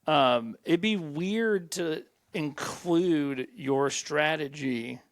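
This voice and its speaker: Gravelly-voiced man thinking aloud. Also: on the high side, very slow, no room sound. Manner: talks through ideas aloud, many fillers. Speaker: podcast co-host. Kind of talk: casual Bible discussion.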